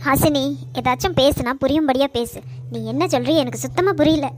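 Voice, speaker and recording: A woman voicing a calm, puzzled senior college girl in a cartoon. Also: sits high, fairly quick, lightly acted. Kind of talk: Tamil cartoon voice acting.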